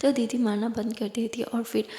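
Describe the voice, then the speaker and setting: A woman telling a story in a plain, even, casual way, her voice fairly high and flat. The tone is mellow, and a long hall-like echo hangs on every line. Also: a little fast. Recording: echoey room with long reverb.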